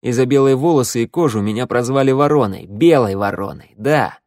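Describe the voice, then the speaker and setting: A man voicing a quiet, confiding young man. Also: medium pitch, a little fast, no echo, studio quality, natural voice. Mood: confessional. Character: pale young man, hushed and confessional.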